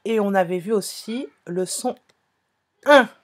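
Slow, husky-voiced woman teaching phonics. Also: medium pitch. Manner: slow, patient, repeats and self-corrects. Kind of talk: phonics lesson for young children.

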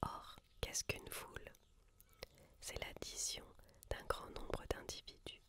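A woman reads aloud from a book in a hushed library whisper, fully unvoiced. Her delivery is soft and very measured, taking each phrase slowly in an ASMR style. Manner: slow, measured, deliberate phrasing. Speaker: reader.

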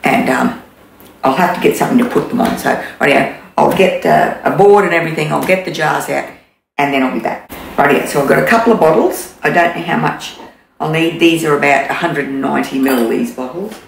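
A woman's voice: deep voice, gravelly. A woman in her sixties with an Australian accent, casually demonstrating a recipe in her home kitchen with lots of ums. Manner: chatty, unhurried, many ums and restarts. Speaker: cooking demonstrator. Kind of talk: casual cooking demo. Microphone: camera in front, mid distance. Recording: echoey kitchen, faint background noise.

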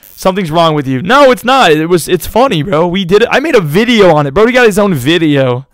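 A man's voice: sits high, big pitch swings, brisk, no echo. A young man streaming live, rambling casually to his chat in slangy talk, his voice a little worn out.

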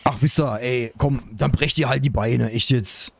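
A man commenting on his own survival game play, excitable, talking to himself and his viewers. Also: medium pitch, normal speed, gravelly, a little hiss or hum. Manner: excitable, talks to himself and viewers, frequent exclamations. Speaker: gaming YouTuber.

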